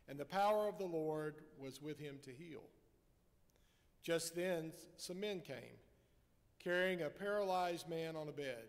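A middle-aged man leading a prayer and reading scripture from a lectern in a large church, in a measured, formal way. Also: a little high. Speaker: pastor. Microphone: lectern microphone. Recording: long reverb of a church hall.

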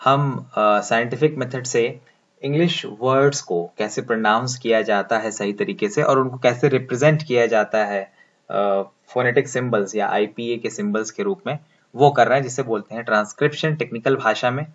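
A man's voice: mid-range voice, moderate pace, fairly bright tone, lo-fi sound. A man giving a phonetics lesson, patiently explaining each word step by step and asking the listener to repeat after him. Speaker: English pronunciation teacher. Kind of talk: phonetics lesson with transcription drills.

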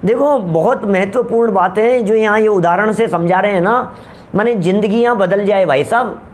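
A man's voice: high-pitched, moderate pace. A middle-aged man preaching a religious discourse. He tells everyday stories and keeps asking his listeners rhetorical questions. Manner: storytelling with everyday examples, asks rhetorical questions.

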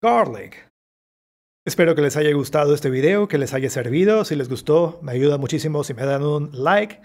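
A man with a Mexican Spanish accent, an English teacher giving a vocabulary lesson and repeating each English word slowly to model its pronunciation. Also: on the high side, darkish tone.

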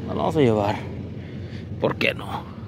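A man, casually narrating to his viewers as he picks through curbside trash outdoors on a body-worn camera. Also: moderate pace. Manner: chatty, keeps addressing viewers as "mi gente". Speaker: vlogger. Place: outdoors on a residential street. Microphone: chest-mounted action camera. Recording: loud outdoor street noise.

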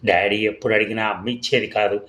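A man's voice: on the low side, fairly even intonation, fast talker, a bit bright, lightly acted. Young girl missing her mother, voiced by a man, plaintive, storybook reading.

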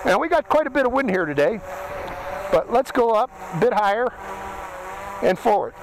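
A middle-aged man with a Pittsburgh accent speaks at an extremely high pitch, very animated, at normal speed. He's a drone reviewer and channel host giving a chatty, step-by-step, hands-on product review outdoors in a windy desert canyon. The audio comes from a body-worn hat camera, so it's noisy outdoor action-camera sound.

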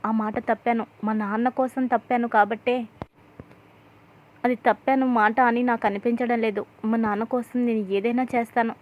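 A woman's voice: a little high, flat delivery, normal speed, lightly acted. A woman voicing a meek grown son who apologizes and pleads with his wife. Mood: pleading. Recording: tinny phone-like audio.

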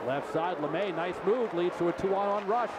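A man doing live hockey play-by-play in clipped, excitable phrases. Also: sits high, normal speed. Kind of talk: live sports play-by-play commentary. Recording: loud arena crowd and rink noise. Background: crowd and arena noise.

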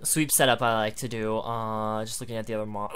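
A man's voice: on the low side, flat delivery, brisk, fairly bright tone, smooth. A man doing live commentary on an online game battle, thinking aloud in a rambling way and hiccuping now and then. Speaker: gaming YouTuber.

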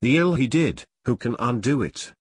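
A man's voice: medium pitch, very animated, moderate pace, breathy edge. A man reading the lines of a proud, brooding royal prince in a grave, formal manner in an audiobook. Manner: grave, formal old-fashioned speech.

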